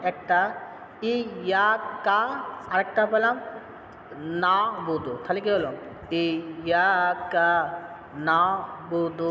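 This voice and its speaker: A man teaching correct pronunciation of a recitation, explaining quickly and then drawing syllables out slowly. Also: high voice, bright, forceful tone, in a large hall, highs cut off, slight background noise. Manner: explains at speed, then stretches syllables slowly and chants them. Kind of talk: tutorial on pronunciation.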